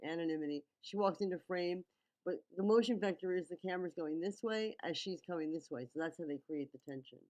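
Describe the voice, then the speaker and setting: A woman breaks down the visuals of a music video in casual, teacherly commentary, frequently checking in with the listener using "okay" and "right." Her voice is on the low side and warm, and she talks quickly. The recording sounds rough.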